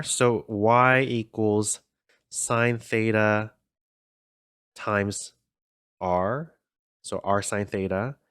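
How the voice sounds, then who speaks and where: A man's voice: medium pitch, a bit bright, dry recording, clean studio sound. A man hosting a casual coding tutorial, thinking aloud in a chatty, self-deprecating way with plenty of fillers. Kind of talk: casual code-along explanation.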